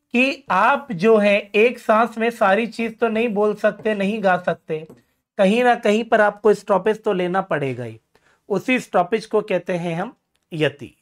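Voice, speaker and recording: A man teaching grammar for an exam, calling his students friends and asking questions he then answers himself, with self-mocking asides. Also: sits high. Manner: self-deprecating joking asides. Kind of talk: exam-prep lesson.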